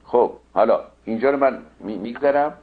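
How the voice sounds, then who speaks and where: A man lecturing on classical poetry, chanting verses slowly and correcting the wording point by point. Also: mid-range voice. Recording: narrow phone-like sound.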